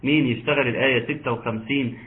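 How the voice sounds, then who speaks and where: A man with an Egyptian accent teaching Quran recitation in an online lesson. He explains patiently and chants verses slowly. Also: medium pitch, fairly even intonation. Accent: Egyptian Arabic. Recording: tinny phone-like line.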